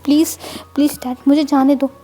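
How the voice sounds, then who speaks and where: A woman's voice: sits high, flat delivery, fairly quick, mellow, slight background noise, lightly acted. A woman voicing a heartbroken young man who cries and pleads in a storybook retelling. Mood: sobbing. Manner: crying pleas.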